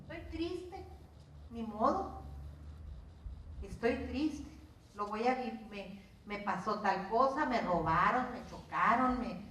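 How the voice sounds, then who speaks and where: A woman's voice: mid-range voice, unhurried, fairly bright tone, slight background noise. An older woman with a Mexican accent giving a workshop lecture as course instructor, talking conversationally and putting questions to her audience. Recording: roomy sound from a distance.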